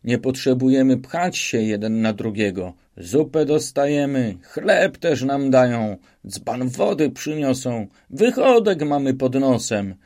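A man's voice: medium pitch, lively intonation, a little slow, hardly any pauses, darkish tone, close to an everyday voice. A man voicing a naive, cheerful soldier who talks earnestly and rambles politely in an audiobook. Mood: cheerful rambling. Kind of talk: audiobook reading.

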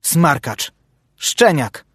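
A man's voice: a little high, very animated, drawn-out words, fairly bright tone, husky, no room sound, studio quality, heavily acted. A man voicing a stern, self-important grown male dog who scolds a younger pup, in a storybook reading. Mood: scolding.

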